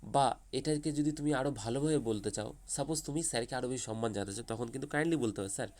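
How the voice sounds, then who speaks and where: Male English tutor for kids, mid-pitch, explains step by step, keeps checking understanding. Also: fast, a little mellow. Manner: repeats checks like "ঠিক আছে?", asks and answers his own questions. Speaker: English teacher. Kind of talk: explanatory lesson to children.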